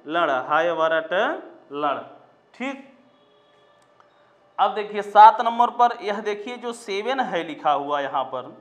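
Slow high-voiced teacher. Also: male voice, fairly bright tone. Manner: sing-song repetition of mnemonic chants, rhetorical questions to students. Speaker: Sanskrit coaching teacher. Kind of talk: exam-prep classroom lesson with mnemonic stories. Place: coaching classroom. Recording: roomy classroom, dull lo-fi sound.

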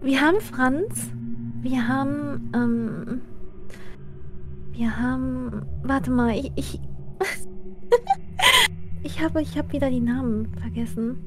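A woman's voice: high voice, steady tone, slow pace. A young woman streamer chatting casually through a game in a cute anime-streamer manner, with game music behind.

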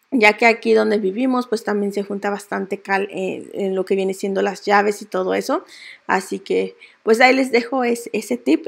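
A young adult woman narrating a cleaning how-to as a vlogger, explaining each step calmly with frequent filler words. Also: medium pitch, vocal fry.

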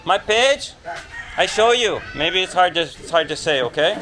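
In a high, expressive voice with a sharp tone and normal speed, a middle-aged man from Canada makes a casual walking vlog, chatting with locals in short, simple phrases. He's outdoors in a busy village neighborhood, filmed on a handheld or body-worn action camera amid crowd and street noise.

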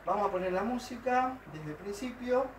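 A man's voice: high voice, lively intonation, moderate pace, recorded from a distance, a little hiss or hum. A man with an Argentine accent teaching folk dance, explaining each step and checking that students follow. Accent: Argentine Spanish. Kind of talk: online dance lesson. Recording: roomy, from off the mic. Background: folk guitar music.

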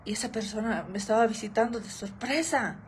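A woman's voice: on the high side, brisk, slight background noise, rough recording. A young woman vlogger casually telling a story to her viewers, chatty, repeating phrases and often calling out to them.

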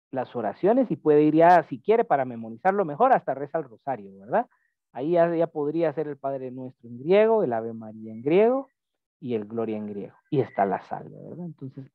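A man's voice: medium pitch, no echo. Man teaching over a tinny call. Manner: patient, explanatory, asks checking questions. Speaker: Greek teacher. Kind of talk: online lesson. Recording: tinny phone-like call audio.

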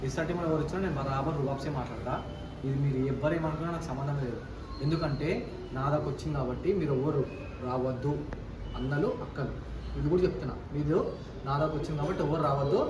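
Brief: young man, rapid-fire and high, yelling in an echoey, noisy spot far from the phone. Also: fairly even intonation. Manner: pleading then shouting angrily. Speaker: vlogger. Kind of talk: staged family confrontation vlog.

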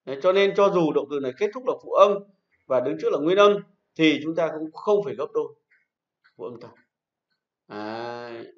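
A man's voice: on the high side, lively intonation, moderate pace. A man teaching an English grammar lesson in class, patiently repeating the rules and praising his pupils. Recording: echoey room, dull lo-fi sound.

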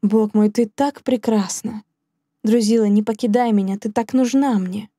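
A woman's voice: on the high side, steady tone, normal speed, dark tone, no echo, clean studio sound. A woman voicing a passionate young male nobleman, speaking tenderly and pleadingly in an audiobook.

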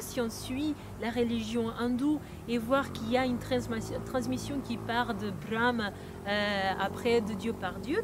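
An Ayurveda teacher with a non-native accent gives a lesson, explaining patiently but hesitating and restarting often. Her voice is on the high side, and there is background noise.

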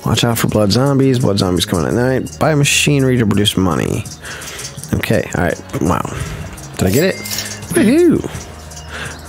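Male gaming host, low and gravelly, animated let's-play commentary, slangy and playful. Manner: chatty, playful, slangy, hums to himself.

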